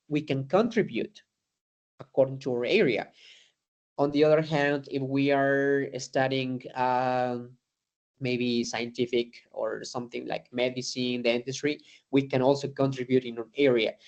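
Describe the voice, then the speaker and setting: A man whose native language is Spanish gives students an informal lecture in English, his voice medium in pitch and somewhat dark in tone. He uses many fillers, restarts his sentences, and often tags them with "no?"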